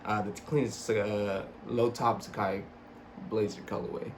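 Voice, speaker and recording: A man's voice: fairly low pitch, level tone, a little slow, background noise. A young man speaking slightly slurred through braces, giving a casual, rambling, self-deprecating and sweary sneaker review in a home room. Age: young adult. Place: small home room with computer desk.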